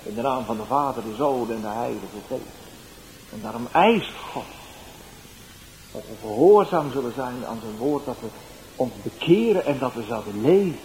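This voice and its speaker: A man's voice: medium pitch, big pitch swings, normal speed. Evangelist man, echoey room. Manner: swings from soft storytelling to loud exclaiming. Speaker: evangelist preacher. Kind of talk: sermon with personal testimony. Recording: roomy echo, faint background noise.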